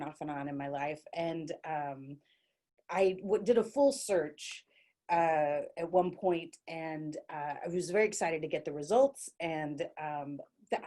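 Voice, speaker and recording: A middle-aged woman from Dallas, Texas, performs solo on stage, telling a funny personal story as a comic monologue. She's chatty and self-deprecating, with lots of "likes" and restarts, and her voice is low with a darkish tone.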